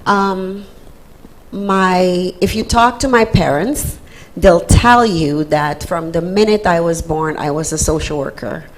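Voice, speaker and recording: A woman from Suriname whose first language is Dutch, a city anti-racism program manager, earnestly introduces herself and her anti-racism work as a panelist. Her voice is fairly low and slow, and the audio is poor.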